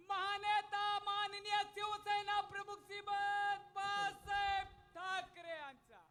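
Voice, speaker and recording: A man's voice: very high-pitched, a bit bright. A man giving a ceremonial rally introduction, drawing out a long chain of honorific titles. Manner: drawn-out chanting of honorific titles. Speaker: rally announcer.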